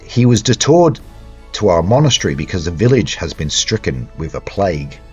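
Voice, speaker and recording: A man voicing a gentle, studious monastery abbot in his own plain voice, with formal wording and no accent. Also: low-pitched, sing-song, moderate pace, husky, dull audio, soft background music, heavily acted. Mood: grave.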